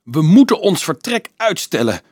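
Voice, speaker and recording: Man doing a shrill, panicking boy. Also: very animated, moderate pace, darkish tone, no room sound, studio quality. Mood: panicked. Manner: wailing, high-strung.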